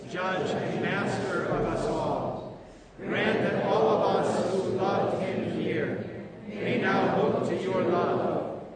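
Pastor guy praying real slow at a funeral, cathedral echo everywhere, mic way off across the church. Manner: slow, solemn liturgical delivery. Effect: cathedral echo, booming around a large church. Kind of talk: leading funeral prayers and liturgy. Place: large church. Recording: echoey church hall from far off, with background noise.

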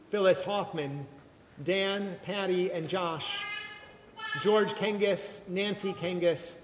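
A male pastor recites prayers in a solemn, measured way, his voice pitched high for a man. Long cathedral-style echo trails each phrase, with faint noise underneath. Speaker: pastor leading liturgy. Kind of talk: formal liturgical prayer recitation. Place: large reverberant church.

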